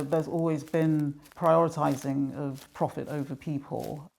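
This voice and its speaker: A man born in Nigeria speaks in a measured, reflective interview tone, pausing now and then. His voice has a gravelly edge, and music plays behind him. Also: fairly high pitch. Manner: reflective, measured, with some hesitations. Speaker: interviewee, son of an activist. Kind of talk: documentary interview.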